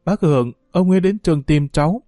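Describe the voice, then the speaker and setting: A frightened teenage schoolgirl pleads through her sobs, as a man narrating the story puts her on. The voice sits higher and anxious, closely and dryly recorded, with a mellow tone. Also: expressive, very fast, dry recording, studio quality, faint music behind, natural voice. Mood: tearful, frightened. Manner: pleading, sobbing.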